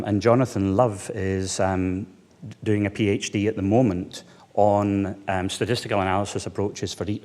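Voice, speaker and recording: A man with a Scottish accent giving a conference talk as a veterinary speaker, measured and often pausing on "um". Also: lowish voice, a little mellow. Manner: measured with frequent um fillers. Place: conference hall. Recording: long reverb in a hall.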